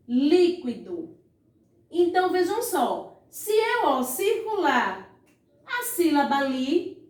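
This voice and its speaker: A woman's voice: high-pitched, distant mic. A woman teaching a primary school lesson online, often prompting pupils with little calls to look and stretching out words syllable by syllable. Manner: slow, stretched-out syllables when saying words; frequent "ó" and "vejam só" prompts to pupils. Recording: echoey room, voice away from the mic.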